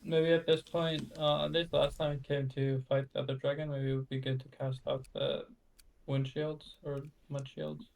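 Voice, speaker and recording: A man speaks as a player in a tabletop game. His mid-range voice has a marked creak, and his casual talk is polite and measured. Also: medium pitch, flat delivery, a little mellow, low-quality recording.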